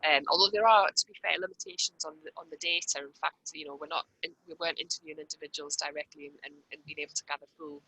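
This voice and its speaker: A woman's voice: sits low, steady tone, fast, few pauses, sharp tone, breathy edge, low-quality recording. A woman researcher answering seminar questions in a thoughtful way with many restarts, her mic audio dropping in and out. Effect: mic audio dropping in and out, uneven volume. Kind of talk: academic presentation and Q&A.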